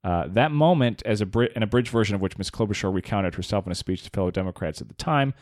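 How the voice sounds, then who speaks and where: A man's voice: fairly low pitch, lively intonation, quick pace, a little mellow, no echo, clean studio sound. A man in casual podcast chat who reads a news story aloud and then argues with it skeptically, swearing freely.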